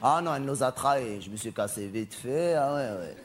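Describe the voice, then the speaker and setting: A man's voice: mid-range voice, expressive, normal speed, a little hiss or hum, close to an everyday voice. A man performing a stand-up monologue as a vain, chatty, flamboyant male cabaret performer who snaps at hecklers. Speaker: comedian.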